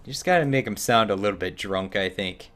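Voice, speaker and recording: Male game streamer, casual commentary, rambling, self-mocking, lowish voice. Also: a little fast, fairly bright tone, faint music behind.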